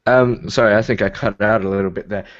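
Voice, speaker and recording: A man's voice: fairly low pitch, fairly even intonation, quick pace. A man chatting casually as a podcast co-host on a video call, hesitant, with many ums and restarts, and he laughs often. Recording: dull lo-fi video call audio.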